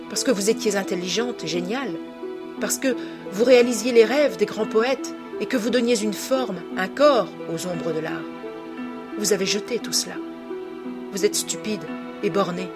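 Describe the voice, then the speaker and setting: A woman's voice: mid-range voice, normal speed, music in the background, close to an everyday voice. A woman reading a bitter, scornful young man. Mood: bitter contempt. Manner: cutting, accusing tirade.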